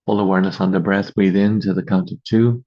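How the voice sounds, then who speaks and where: This low-pitched man leads a guided meditation over a video call, giving calm, unhurried instructions in short measured phrases and leaving long pauses. The recording has the muffled, lo-fi quality of video call audio.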